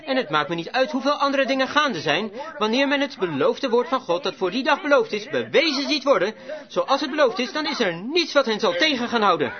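Fervent high-voiced preacher, lo-fi. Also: male voice, big pitch swings, a little fast, crowd noise. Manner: emphatic, fervent exhortation. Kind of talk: sermon. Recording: dull lo-fi recording with congregation audible.

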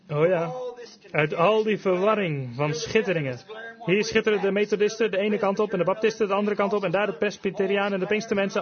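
High-voiced fervent male preacher, lo-fi. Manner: fervent, emphatic, swings between quick and drawn-out phrases. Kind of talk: revival sermon. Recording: dull lo-fi recording with congregation audible.

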